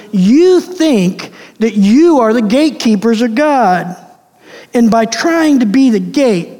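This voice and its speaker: A man preaching a sermon as pastor, emphatic, slowing down to stress key words. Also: sits high, darkish tone. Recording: long reverb of a large hall.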